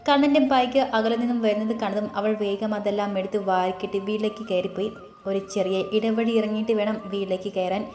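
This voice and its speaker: A woman narrating a romance audio story in a steady, unhurried reading voice. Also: mid-range voice, a little hiss or hum. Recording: roomy echo.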